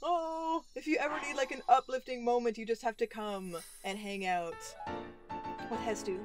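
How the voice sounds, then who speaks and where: A woman's voice: on the high side, fairly even intonation, moderate pace. A woman hosting a let's play, chatting playfully while she plays and talks back to the characters. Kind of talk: casual gameplay commentary. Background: game music.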